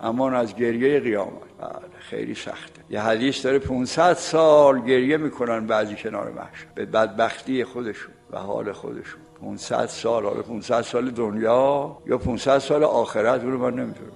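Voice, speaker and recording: A man in his late seventies preaching a sermon. He recites old religious sayings slowly, then explains them in plain, folksy speech and tells stories from his youth. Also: mid-range voice, steady tone, creaky, a little mellow. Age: late 70s. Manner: reminiscing, folksy storytelling. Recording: long hall reverb.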